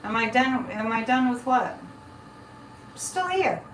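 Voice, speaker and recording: A live show host and psychic takes it slowly, her fairly bright voice on the high side with big pitch swings. In casual chat with viewers she rambles and drops thoughts midway. The recording comes from a distant mic in an echoey room, with faint noise.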